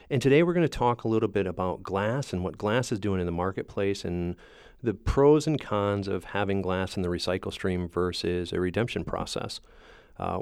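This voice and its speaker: A man hosts an interview podcast in a casual, conversational way. His voice sits low with some fry, and the sound is dry. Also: darkish tone, no room sound. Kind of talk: casual unscripted hosting.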